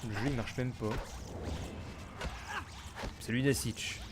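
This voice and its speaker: A man's voice: mid-range voice, fairly even intonation, slow pace, heavy background noise. A man giving casual let's-play commentary, muttering to himself and grumbling in puzzlement as he plays. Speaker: gamer streamer.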